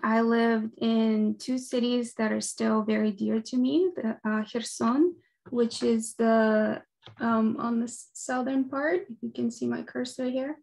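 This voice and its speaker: A woman's voice: fairly high pitch, steady tone, measured pace, vocal fry, darkish tone. A young woman from Ukraine, giving an earnest, friendly webinar presentation over a video call. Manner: friendly, earnest, with frequent ums.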